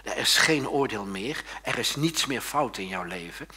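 A male pastor giving a sermon, lively and joking, often turning to the congregation with quick questions. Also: mid-range voice, husky.

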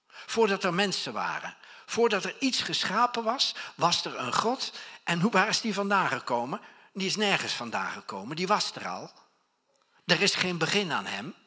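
A middle-aged man preaching a conversational, animated sermon as a pastor, often restarting his sentences. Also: sits high, breathy edge.

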